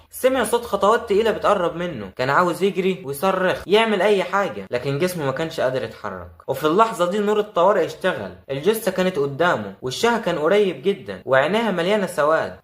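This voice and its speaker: A man's voice: on the high side, echoey room. A man with an Egyptian Arabic accent narrating a horror story in a suspenseful, dramatic style.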